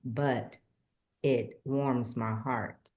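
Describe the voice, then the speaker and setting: Woman, middle-aged, very low-pitched, slow, soft-spoken, hesitant, casual heartfelt chat. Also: fairly even intonation. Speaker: co-host.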